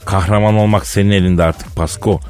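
A man's voice: deep voice, fairly even intonation, fairly quick, a little mellow, clean tone, faint music behind. A man hosting a comic radio show, teasing his partner with a mock-serious tale in a studio. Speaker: radio comedy host.

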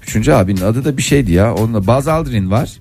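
A man's voice: medium pitch, animated, quick pace, a little mellow, breathy edge, faint music behind. A man hosting a casual, humorous talk, telling things in a rambling, colloquial way. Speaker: talk show host.

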